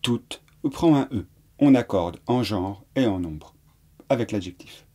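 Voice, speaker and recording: A man's voice: fairly low pitch, animated, a little slow, warm tone. A man teaching French grammar in a patient lesson, repeating examples and spelling words letter by letter. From France. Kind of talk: slow explanatory lesson.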